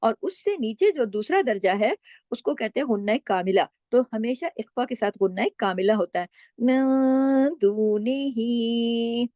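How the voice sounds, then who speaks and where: A woman's voice: a little high, lively intonation, moderate pace, darkish tone, no room sound. Patient woman teaching recitation rules. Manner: patient, asks and answers her own questions. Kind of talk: explaining tajweed rules, with slow recited examples.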